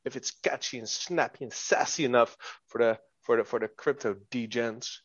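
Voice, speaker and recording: A man with a mid-range voice at normal speed co-hosts a casual crypto podcast, stumbling over repeated words and restarting sentences. At times he reads a news article aloud. The sound is dull and lo-fi.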